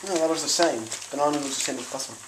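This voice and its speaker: A man's voice: fairly high pitch, rapid-fire. Spanish-accented man rambling through a recipe. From Spain. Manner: rambling, giggly, corrects himself. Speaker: home cook presenting a recipe. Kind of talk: casual cooking demo. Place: home kitchen. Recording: echoey room, loud frying noise. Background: sizzling pan and stirring.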